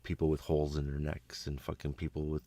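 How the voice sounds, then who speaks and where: Very deep-voiced man, blunt and profane. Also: completely flat delivery, fast, mellow, no room sound. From Canada. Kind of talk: casual chat.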